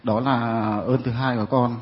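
A man in his forties, speaking softly and hesitantly as he gives testimony before a congregation. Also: mid-range voice, flat delivery. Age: 40s. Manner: soft-spoken and hesitant, many pauses. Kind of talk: halting testimony. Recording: dull sound in a reverberant hall.

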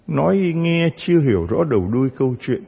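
Priest giving a sermon, raspy voice, acts out other voices, reverberant lo-fi church recording. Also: male voice, mid-range voice, big pitch swings, fairly quick. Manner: storytelling, acts out parishioners' voices. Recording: dull sound with long church reverb.

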